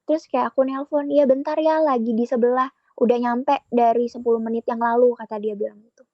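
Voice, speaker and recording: Fairly quick and steady in tone, a young woman with a rather high voice chats with a podcast host, retelling a relationship exchange line by line with quoted dialogue. The recording lacks room sound and comes across muffled.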